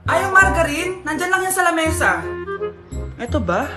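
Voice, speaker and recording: A woman performing comedy skits, voicing every character herself, from shouted scolding to soft childish lines. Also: very high-pitched, animated, normal speed, loud music behind the voice. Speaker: comedy sketch creator.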